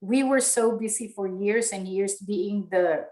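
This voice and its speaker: A woman giving a halting webinar presentation over a video call, her audio choppy and breaking up. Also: medium pitch, dark tone, low-quality recording. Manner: halting, with many fillers and restarts. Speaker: presenter from an animal shelter agency.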